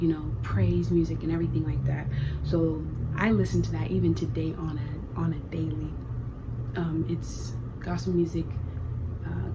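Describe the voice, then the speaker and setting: A woman in her twenties chatting through a casual get-to-know-me video, earnest and chatty, often dropping into soft, whispery asides. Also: on the low side, noisy background. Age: 20s. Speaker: vlogger. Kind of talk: casual Q&A vlog.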